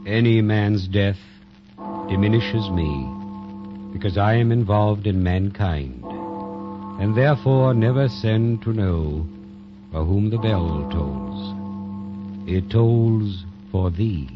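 A man performing as a grave, solemn reciter in a 1940s radio drama, declaiming deliberately. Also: lowish voice. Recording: dull old radio recording, loud music. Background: loud music.

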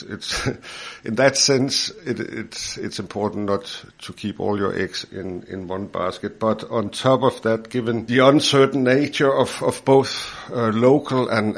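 Chatting in a studio podcast interview, a Danish-accented financial adviser from Denmark, aged in his fifties, repeats words and laughs softly while explaining. He has a lowish voice.

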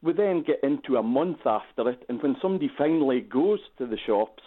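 A man's voice: mid-range voice, expressive, a little fast. A man with a Doric accent from north-east Scotland, calling a radio phone-in to recount his own experience. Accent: Doric, north-east Scottish. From Aberdeenshire, Scotland. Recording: tinny phone line.

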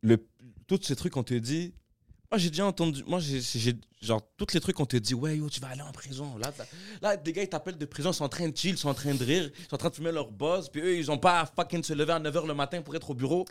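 A man in casual podcast chat, emphatic and fast, dropping English slang. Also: a little high. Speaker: podcast host.

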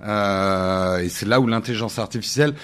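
A man joining a casual tech podcast discussion, relaxed and joking. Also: on the low side, moderate pace, clear, resonant tone.

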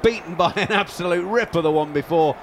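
A man calling live cricket as a commentator, in punchy, excitable short phrases. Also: high voice, a little fast, a little hiss or hum. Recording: loud crowd over broadcast commentary. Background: loud stadium crowd.

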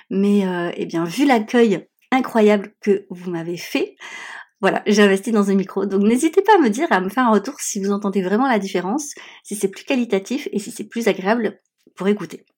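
Woman, podcast host, swollen-tonsils voice, blocked nose, husky, mid-pitched, casual solo talk, reflective. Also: a little fast, darkish tone. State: congested, sore-throat voice from tonsillitis and blocked nose.

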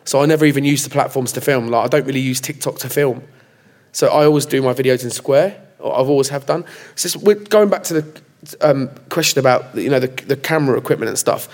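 A man talking excitedly in a casual live interview as a guest, rambling with lots of restarts. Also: mid-range voice, fast talker. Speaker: comedy creator, interview guest.

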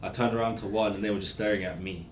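A man's voice: lowish voice, steady tone, very fast. A man chatting casually and telling stories in a jokey, self-deprecating way. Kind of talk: casual storytelling chat. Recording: roomy echo with faint noise.

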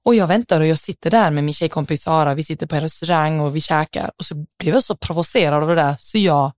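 A woman's voice: sits low, no room sound, clean studio sound. A young woman, hosting a podcast and telling a dating story in a chatty, dramatic way, dropping English phrases into her talk. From southern Sweden. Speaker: podcast host. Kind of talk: casual storytelling.

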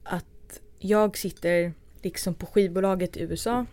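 A woman's voice: lowish voice, fairly even intonation, darkish tone, dry recording. A woman from Sweden, a guest in her thirties, telling anecdotes in a casual interview and acting out the dialogue.

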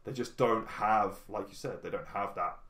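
A man's voice: fairly low pitch, moderate pace, a bit bright, echoey room. A man hosting a casual podcast, talking bluntly with lots of swearing and acting out imagined bits of dialogue as he rambles. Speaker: podcast host.

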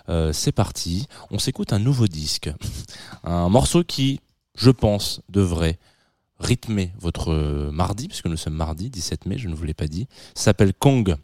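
A man's voice: lowish voice, warm tone, dry recording, studio quality. A man hosting a music show in a casual, chatty way, talking straight to his listeners and wandering off on side remarks. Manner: chatty and digressive, talks to listeners directly. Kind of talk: casual radio music presenting.

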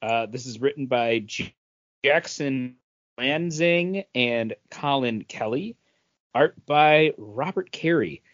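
In a casual chat, a male comics-podcast co-host with an expressive, somewhat bright, medium-pitched middle-range voice reviews comics, halting as he figures out what he thinks. The audio is a bit dull and band-limited.

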